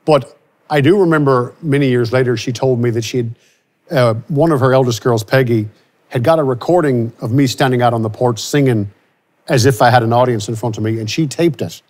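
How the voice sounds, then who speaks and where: Medium in pitch, a little fast, and somewhat dark in tone, this man is a country singer in his forties from Louisiana, USA. Interviewed in a studio with a starry backdrop through a lapel mic, he speaks thoughtfully and keeps restarting his phrases.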